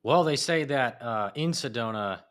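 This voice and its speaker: A man talking as a podcast guest in a casual conversation, lively and enthusiastic, with animated asides. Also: medium pitch, moderate pace.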